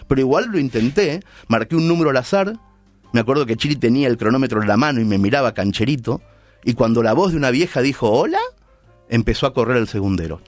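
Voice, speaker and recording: Animated middle-aged Argentine storyteller. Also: male voice, fairly high pitch, no echo. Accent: Argentine Spanish. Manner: animated, playful, conversational. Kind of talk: storytelling monologue.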